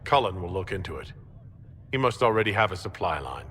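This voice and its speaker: In this video game dialogue, an actor plays a calm, doubting male hero with dry, matter-of-fact delivery. His deep, fairly bright voice swings widely in pitch and moves fairly quickly. Noise and a long hall echo fill the recording.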